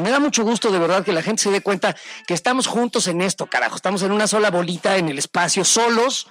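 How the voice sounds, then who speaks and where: A man's voice: sits high, fairly bright tone. A man with a Mexican accent, co-hosting a casual chat, ranting in profane, slang-heavy speech. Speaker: co-host.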